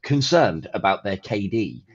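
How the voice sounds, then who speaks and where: A man co-hosting a podcast, chatting casually and profanely about games with an animated, ranting manner. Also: on the low side, measured pace, breathy edge, lo-fi sound. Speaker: podcast co-host. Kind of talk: casual gaming chat.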